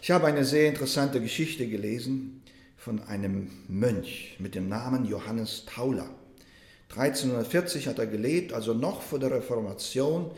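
A man's voice: mid-range voice, normal speed, a little mellow, roomy sound. A man preaching a sermon with emphatic delivery, often addressing the congregation directly. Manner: emphatic preaching, addresses listeners as "Ihr Lieben".

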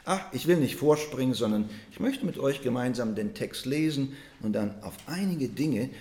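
A man preaching a Pentecost sermon, reading scripture with strong emphasis and speaking warmly to his congregation. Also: lively intonation, roomy sound. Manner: slow, emphatic delivery with wide swings in pitch and loudness; addresses listeners as "ihr Lieben", asks them "ja?".

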